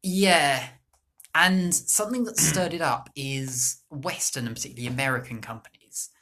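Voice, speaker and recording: A co-host of a casual podcast chat, quick and sarcastic, steering the topics. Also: mid-range voice, bright, forceful tone.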